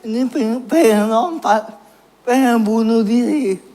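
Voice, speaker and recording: A man delivers a personal testimony sermon at a slow, unhurried pace. He pokes fun at himself and laughs through his story, then turns earnest as he recounts his prayers. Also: very high-pitched, mellow. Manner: self-mocking, laughs at his own story. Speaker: preacher giving testimony.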